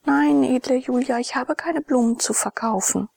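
A humble blind slave girl answers softly and politely, voiced by a woman reading an audiobook. Her voice sits higher than the narrator's, with a husky, gravelly grain in a dry close recording. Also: moderate pace, no room sound, heavily acted. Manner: soft, deferential.

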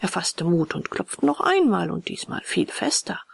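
A woman narrates a children's storybook in an expressive, partly whispered reading. Her voice is gravelly and husky with a lively melody, and the recording is close and dry. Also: on the low side, normal speed, no echo. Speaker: reader.

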